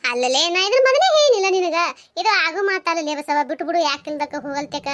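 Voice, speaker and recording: A fretful middle-aged village mother from a cartoon scolds and laments in a piercingly high voice, as a woman voices her. She talks in a rapid rush with a North Karnataka Kannada accent. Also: very animated, a bit bright, a little hiss or hum, exaggerated voice. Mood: lamenting. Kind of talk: cartoon dialogue voicing.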